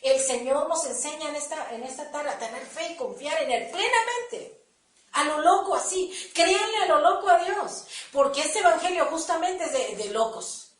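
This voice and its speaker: Woman preacher, high voice, animated testimony, heard from a distance in an echoey room. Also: moderate pace. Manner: animated, acts out dialogue with God. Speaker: church speaker giving testimony. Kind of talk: sermon testimony.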